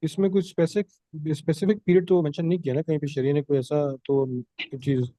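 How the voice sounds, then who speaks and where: A man asking a question in an online class over a bad connection that keeps cutting out, speaking in a hesitant, halting way. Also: on the high side, flat delivery, warm tone, no room sound, rough recording. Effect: choppy, cutting-out online call audio. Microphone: video call.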